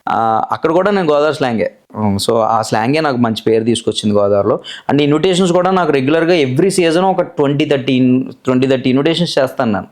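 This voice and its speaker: A man with a Godavari Telugu accent, a voice-over artist telling his story as a guest in a casual interview, in a brisk, chatty, self-assured way. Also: medium pitch, animated, darkish tone. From Godavari region, Andhra Pradesh, India.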